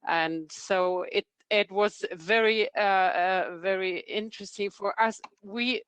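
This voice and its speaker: A woman's voice: medium pitch, steady tone, takes it slowly, a bit bright, clear, resonant tone, no room sound. A woman from Germany speaking as a guest at an online conference, giving remarks to the group. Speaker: foundation co-president, guest speaker.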